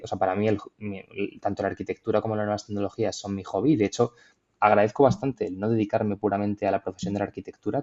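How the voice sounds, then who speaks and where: Low, flat-voiced young Madrid man. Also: muffled recording. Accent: Madrid Spanish. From Madrid, Spain. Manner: thoughtful, hesitant, many fillers and restarts. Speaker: podcast co-host. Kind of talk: casual podcast conversation.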